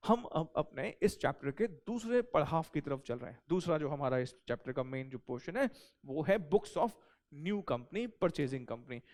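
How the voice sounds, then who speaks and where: Guy teaching accounting, high voice, asks stuff then answers it himself, dictates notes real slow. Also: very animated, darkish tone. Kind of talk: recorded classroom lecture.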